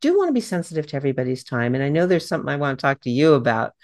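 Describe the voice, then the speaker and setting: Middle-aged woman podcast host: low voice, animated delivery, acts out the voices she quotes. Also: racing, no room sound, studio quality. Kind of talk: conversational podcast interview.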